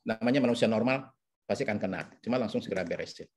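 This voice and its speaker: A man's voice: fairly low pitch, racing. A man teaching counseling in a webinar, speaking over a video call and checking in with listeners often. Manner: teacherly, checks in with repeated oke and ya. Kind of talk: webinar lecture.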